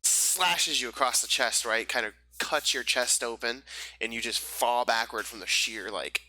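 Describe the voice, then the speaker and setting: A man's voice: medium pitch, measured pace, bright, forceful tone, no room sound, rough recording. A young man running a tabletop game over a voice call, casual and rambling, full of fillers and restarts. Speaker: game master.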